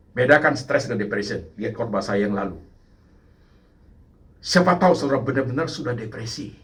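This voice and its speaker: A man preaching as pastor, swinging from loud exclamations to low asides, a little off the mic. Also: distant mic. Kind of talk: sermon.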